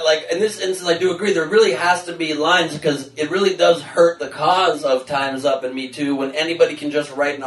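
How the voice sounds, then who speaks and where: Brisk male host, echoey room. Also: on the high side. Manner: brisk, leading questions, sardonic. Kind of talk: moderating a comedic panel discussion. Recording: roomy sound from a distant mic.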